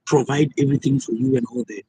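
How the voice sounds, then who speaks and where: Talking fast with a warm, husky, medium-pitched voice and a steady tone, a young South African call-in guest argues from a taxi over a phone video call. The recording is rough with no room sound, and he keeps repeating himself and using "like" as the casual live debate goes on.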